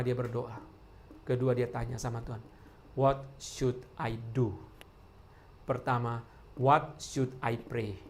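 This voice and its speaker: A man's voice: medium pitch, slight background noise. A male pastor preaching a sermon, asking rhetorical questions and repeating key words while constantly addressing the congregation as brothers and sisters.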